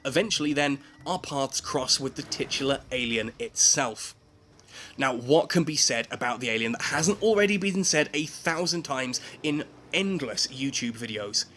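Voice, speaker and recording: A man's voice: medium pitch, animated, normal speed, pushed and bright, slight background noise. A man narrating a scripted video game review, with emphatic, dramatic phrasing.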